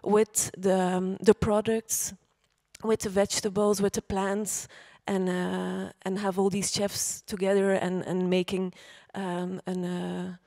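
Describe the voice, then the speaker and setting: Flat-toned Belgian woman from the audience. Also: medium pitch, slow, vocal fry. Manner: hesitant, enthusiastic with many fillers. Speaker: audience member. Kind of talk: audience comment.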